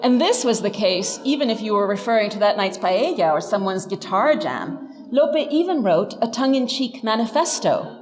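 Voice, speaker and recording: A middle-aged woman plays a professor delivering a scripted lecture, articulate and emphatic with dry, wry humour. Her medium-pitched voice is expressive at a normal speed. A long hall reverb and faint music surround her.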